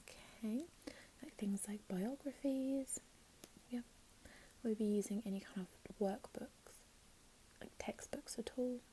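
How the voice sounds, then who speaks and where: A woman playing a helpful, chatty librarian in a whispered role-play, speaking in a gentle, unhurried library whisper. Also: on the high side, a little hiss or hum, close to an everyday voice, poor audio. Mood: friendly, attentive. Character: helpful, chatty female librarian signing up a patron.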